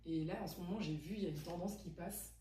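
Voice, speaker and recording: A young woman in her twenties hosts a casual podcast chat, emphatic and full of questions. Her voice is a touch low and mellow. She sits back from the mic in an echoey room with a faint hum behind her. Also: quick pace, recorded from a distance. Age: 20s. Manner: chatty, emphatic, asks probing questions. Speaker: podcast host. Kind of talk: casual conversation.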